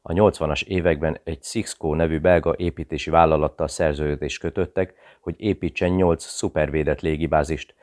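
Very deep-voiced male audiobook narrator. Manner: steady, measured reading.

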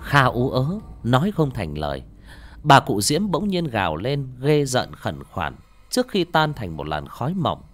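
A man narrating a horror audiobook in a dramatic, expressive way. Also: medium pitch, unhurried.

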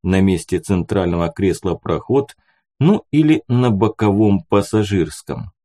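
A man's voice: low-pitched, expressive, a little slow, warm tone. A man reading an audiobook aloud, narrating and voicing the characters' dialogue by raising his voice. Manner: lifts his voice for other characters' lines.

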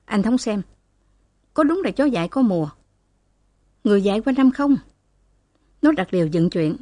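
A woman's voice: medium pitch, expressive, normal speed, mellow, no room sound, natural voice. A woman voicing a resentful middle-aged office woman justifying herself. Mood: indignant. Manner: resentful, pointed.

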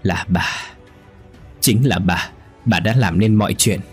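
A man's voice: fairly low pitch, a little slow, breathy edge, faint music behind. A man voicing a terrified, guilt-ridden man in a spoken ghost story, frantic and desperate.

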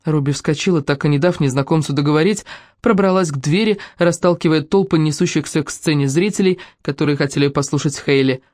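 A woman narrating an audiobook in an even, measured storytelling manner. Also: low voice, dry recording, clean studio sound.

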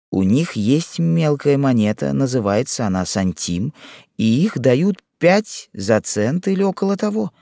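A man's voice: mid-range voice, vocal fry, a little mellow, dry recording, studio quality. A man voicing a fierce devoted young wife. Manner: raised, emotional, pleading delivery. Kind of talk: audiobook character reading.

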